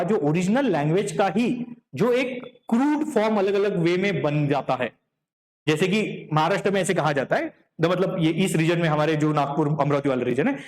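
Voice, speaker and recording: A high-pitched man lectures a class in a chatty, explanatory way. He keeps checking in with his students, asking whether they follow. His voice rings in an echoey classroom. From Vidarbha, Maharashtra. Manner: checks in with the class often, asking "correct?" and "clear?". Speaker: teacher. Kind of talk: classroom lecture in Hindi mixed with English.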